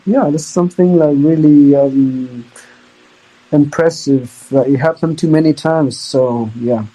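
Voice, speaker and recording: A young man, speaking as a guest on a podcast. His voice sits a little high with a soft, mellow tone. He talks casually but haltingly, restarting sentences and repeating words as he goes. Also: poor audio. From China. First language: Chinese. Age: young adult. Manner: halting, repeats words, non-native grammar. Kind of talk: casual storytelling.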